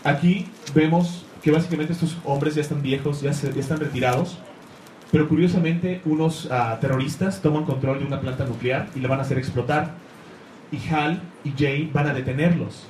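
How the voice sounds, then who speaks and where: A man talks with eager enthusiasm to an audience, often losing and finding his words. His voice sits a little high and rings around an echoey room, with a faint hiss underneath. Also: normal speed. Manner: excited, rambling, searches for words. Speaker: comics talk presenter. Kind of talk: enthusiastic talk to a live audience.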